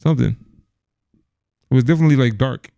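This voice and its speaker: Fast-talking podcast guy, gravelly smooth voice, dry sound, stutters a bunch. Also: mid-range voice, mellow, no room sound. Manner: stammers and repeats words, agrees a lot. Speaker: podcast co-host. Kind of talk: casual movie chat.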